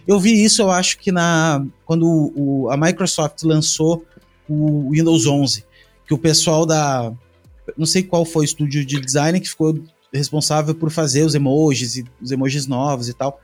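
A man's voice: on the high side, steady tone, moderate pace, soft background music. A man chatting casually, rambling with slang, restarts and fillers. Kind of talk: casual chat.

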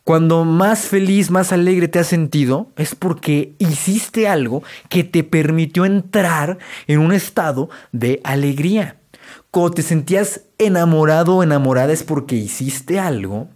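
A man's voice: a little high, darkish tone. A man with a Mexican Spanish accent hosting a self-help podcast, talking straight to the listener in a casual, direct monologue. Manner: direct, conversational, addresses listener as tú. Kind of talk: motivational monologue.

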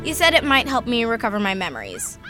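A woman's voice: fairly high pitch, wildly swooping pitch, fast talker. Audio drama role: girl of twelve, self-conscious, wry, confiding, over prominent music. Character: twelve-year-old girl with amnesia, wry and hesitant. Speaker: lead character and narrator. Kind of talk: audio drama acting, confiding recorded diary.

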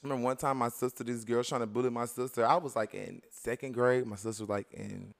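A man's voice: mid-range voice, fairly even intonation, fast talker, creaky. A man, co-hosting a casual podcast chat and telling childhood stories in a laid-back, blunt, profane way. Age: 30s. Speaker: podcast co-host.

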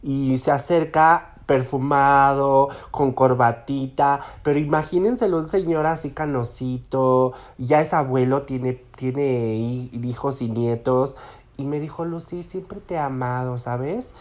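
A man tells a personal story in relaxed, chatty speech. He is lively and animated, and he slips into the voices of the people he quotes. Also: medium pitch, a little slow. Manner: lively, laughs often while telling. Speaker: storyteller guest. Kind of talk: casual anecdote telling.

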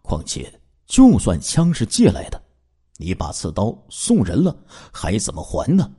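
Male true-crime storyteller, dramatic delivery, asides to listeners, husky voice, low pitch. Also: huge pitch swings, unhurried, warm tone. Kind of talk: spoken true-crime narration.

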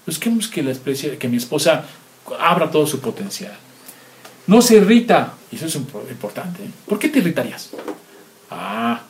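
Pastor preaching, slightly high voice. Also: male voice, a little mellow, slight background noise. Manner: preaching with rhetorical questions and acted-out examples. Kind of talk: sermon.

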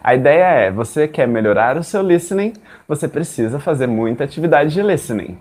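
A man's voice: on the high side, lively intonation, a little fast, darkish tone. A young Brazilian man teaching English in casual chat, talking straight to his listeners and acting out his own past thoughts.

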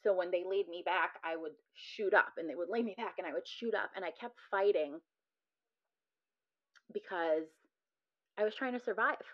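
A woman's voice: fairly low pitch, normal speed, pauses often. A woman, a labor and delivery nurse, telling a personal story in a frank, earnest conversational way, often filling with "like". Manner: earnest, frank, heavy use of "like" as filler. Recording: dull, lo-fi recording.

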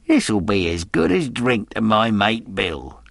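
A man's voice: fairly low pitch, sing-song, slow pace, creaky, fairly bright tone, no echo, studio quality, full character voice. A man voicing a sinister middle-aged pirate who talks in a half-fawning, half-sneering drawl. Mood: eager. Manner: leering, wheedling drawl.

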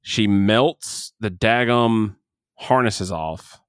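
Male co-host, low voice, candid rambling movie chatter, hiccups, dry close sound. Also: very slow, fairly bright tone, clear, resonant tone, no room sound. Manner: rambling, self-interrupting, candid. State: has the hiccups. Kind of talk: casual movie review chat.

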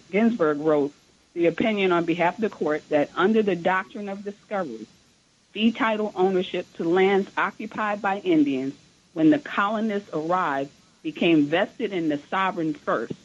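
A woman calling in to a radio talk show over a clipped phone line, explaining a point in a measured way with frequent pauses. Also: on the low side. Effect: clipped, muffled phone line. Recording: muffled phone call on radio.

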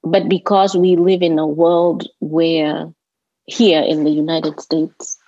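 Deep, dark, and level, the slow voice of a landscape designer from Nairobi, Kenya comes through in a reflective interview. She has a Kenyan accent and repeats things emphatically, and the audio is roomy, slightly dull, and lo-fi.

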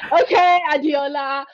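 A high-voiced woman who speaks Greek as her first language is a guest in a conversational interview. She tells stories in an animated way and acts out the voices of the people she quotes. There is no room sound.

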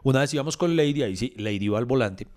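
A man with a Bogotá Colombian accent telling animated stories in a casual chat, acting out dialogue and laughing often. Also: mid-range voice, rapid-fire.

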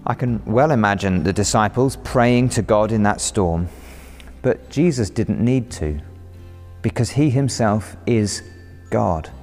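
A man's voice: on the low side, a little slow, darkish tone. A man preaching a sermon, retelling a story vividly and dramatically. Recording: reverberant hall, faint music.

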